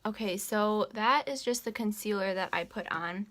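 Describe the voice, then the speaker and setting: A woman's voice: mid-range voice, normal speed, a bit bright. A young woman in her late teens talks through her makeup routine at home in a loose, rambling way, leaning on filler words. She is short of breath as she speaks. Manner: chatty, rambling, many "like" fillers. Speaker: beauty vlogger. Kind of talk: casual makeup tutorial chat.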